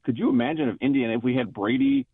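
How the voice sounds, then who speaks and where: A Buffalo man calls in to a radio show over the phone, chatting in a rambling way and trash-talking with good humor. His voice sits at an ordinary pitch for a man. It comes through a narrow, tinny phone line and sounds dry and close. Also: rapid-fire, husky, no room sound. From Buffalo, New York. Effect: heard over the phone. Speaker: radio call-in caller. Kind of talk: casual sports talk call.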